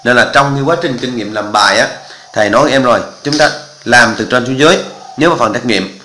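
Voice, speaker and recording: Bright-voiced teacher man, echoey room. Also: medium pitch, fast, a little hiss or hum. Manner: explains step by step, often checks if students understand. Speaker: math teacher. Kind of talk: exam walkthrough lesson.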